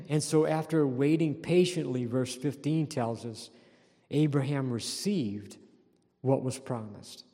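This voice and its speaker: A man's voice: medium pitch, slow pace, mellow, long reverb tail. A man preaching a sermon as pastor, earnest and repeating key phrases for emphasis. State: throat tickle, clearing throat.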